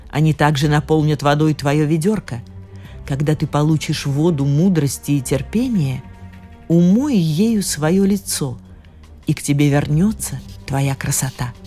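A woman voicing a kindly, wise fairy giving gentle instructions. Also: deep voice, measured pace, faint music behind.

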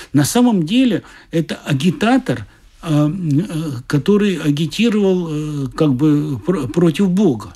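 Man, middle-aged, storyteller, husky, animated pitch, chatty. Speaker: storyteller and speaker. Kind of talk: reading a story aloud, then commenting.

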